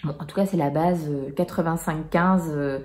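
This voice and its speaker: A woman's voice: low-pitched, fairly even intonation, moderate pace, darkish tone. A woman vlogger chatting casually at home, hesitant and full of filler sounds. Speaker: knitting vlogger. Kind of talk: casual chat.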